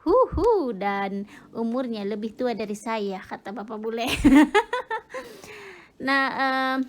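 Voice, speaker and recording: A woman's voice: a little high, expressive, takes it slowly. A middle-aged woman from Indonesia chatting casually with lots of fillers and giggles while cooking in her home kitchen for her vlog. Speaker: cooking vlogger.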